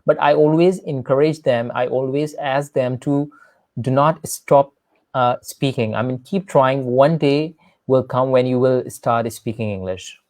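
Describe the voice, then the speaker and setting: Speaking a little slowly, this English teacher from Pakistan keeps restarting with "I mean" as he talks earnestly and casually. His medium-pitched voice has a darkish tone, and the recording is dry.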